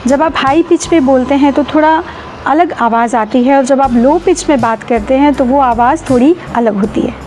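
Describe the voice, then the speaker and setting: A vlogger with a high voice gives a spoken tutorial on vocal technique, explaining patiently and repeating her key points. She talks at a moderate pace with soft music underneath.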